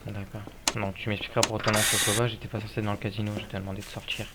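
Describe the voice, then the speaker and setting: Tired low-voiced guy admin-ing a game server, exasperated, lots of mic hiss. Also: level tone, very fast. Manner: exasperated, scolding players about respect. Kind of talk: casual gameplay commentary.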